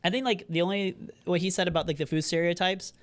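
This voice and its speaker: A man's voice: sits high, fairly even intonation, fast. Easygoing man with an Alabama accent. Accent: Alabama Southern American. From Alabama, USA. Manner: easygoing, hesitant, many fillers. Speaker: podcast co-host. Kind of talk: casual chat.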